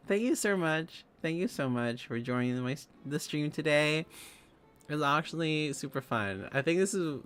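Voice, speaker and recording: A man's voice: on the high side, fairly bright tone. A young man streaming live, chatting casually with viewers, giggling often and rambling through restarts.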